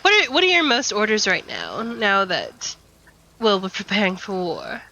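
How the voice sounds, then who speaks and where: A woman's voice: medium pitch, big pitch swings, moderate pace, sharp tone. A woman playing at a tabletop game, asking questions and repeating herself as she goes. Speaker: player. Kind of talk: in-character chat at a tabletop game. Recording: lo-fi mic.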